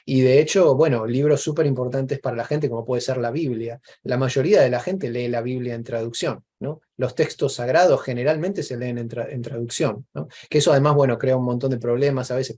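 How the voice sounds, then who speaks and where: Speaking with an Argentine accent in a medium-pitched, mellow voice, a man is an interview guest in a casual, reflective conversation. He explains things discursively, using examples.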